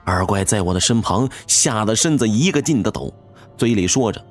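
A man narrating a first-person horror audiobook with an expressive, dramatic storytelling manner. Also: fairly low pitch, moderate pace. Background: faint music.

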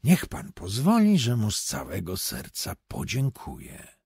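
A man voicing a mysterious, low-voiced foreign gentleman who speaks with slow, insinuating courtesy in an audiobook. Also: wildly swooping pitch, breathy edge, no room sound, studio quality, full character voice. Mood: courteous, wondering.

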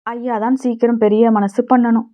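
A woman's voice: on the high side, level tone, normal speed, close to an everyday voice. Brief: plainspoken kindly old flower-selling woman in a storybook, read by a woman, dull lo-fi sound. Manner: colloquial, plainspoken. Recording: dull lo-fi recording.

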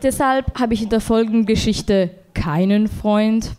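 A young woman performs a stand-up set into a handheld mic on a club stage. Her voice sits a bit high. She rambles and runs herself down, and her pitch jumps up sharply when she gets exasperated. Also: a little slow, mellow, clean tone. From Switzerland. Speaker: stand-up comedian.

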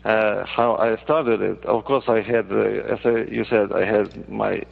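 A man from Ukraine with a Russian accent, a podcast guest chatting haltingly with many pauses. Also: on the low side, fairly even intonation, creaky. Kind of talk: casual interview chat. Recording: tinny phone line.

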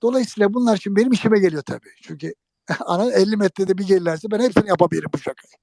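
A man's voice: high-pitched, very fast, creaky, dry recording. A man animatedly telling a funny anecdote to an interviewer, speaking right to his listeners. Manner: lively, jokey storytelling, addresses listeners directly. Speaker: guest telling an old prank story.

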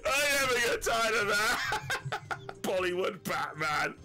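A man livestreaming a game, his voice bright and fairly high, swinging wildly up and down as he reacts. He talks slowly and swears freely. Faint game music plays behind him. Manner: excitable, swears a lot, loud bursts of laughter. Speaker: let's play streamer. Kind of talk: live gameplay commentary.

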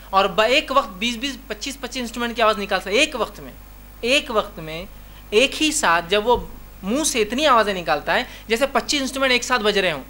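A man's voice: very high-pitched, sharp tone, a little hiss or hum. A man from India speaking, giving a religious lecture full of rhetorical questions and repeated reminders to remember the point. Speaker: Islamic lecturer.

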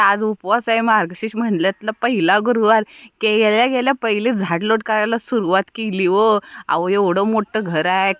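A woman's voice: mid-range voice, fairly bright tone, smooth, dry recording. A young woman, narrating her village day in a chatty, playful vlog. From Maharashtra, India. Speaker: vlogger.

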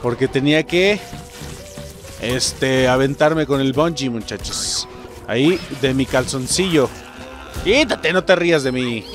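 A Mexican man doing let's play commentary, excitable, swearing and shouting at the game. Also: medium pitch, a little slow, over music. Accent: Mexican Spanish. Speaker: gamer host.

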